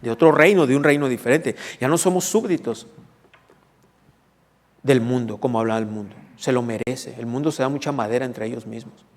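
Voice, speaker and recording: Speaking a little fast at a middle pitch, a pastor gives a teaching sermon, explaining verses point by point. He keeps asking the congregation questions to make sure they follow, while his voice rings with the long reverb of a church hall.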